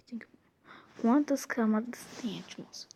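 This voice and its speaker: A Brazilian gaming video host with a tongue-tied, slushy lisp, speaking in a woman's or child's register, mutters casual, informal reactions while playing a quiz game. The voice is medium-pitched, darkish, and a little slow, with slight hiss or hum in the audio.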